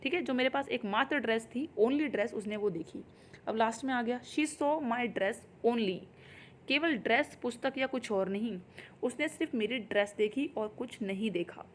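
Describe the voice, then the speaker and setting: A woman teacher, explaining grammar in Hindi and reading example sentences slowly and carefully. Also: on the high side, slight background noise. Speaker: English teacher. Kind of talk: exam-prep grammar lesson.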